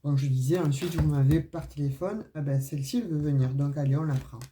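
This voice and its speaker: Speaking fast in a low, warm voice, a woman offers an informal tarot and oracle reading. Her accent is regional French rather than Parisian, and she talks right to her audience, filling gaps with "euh" and "hein."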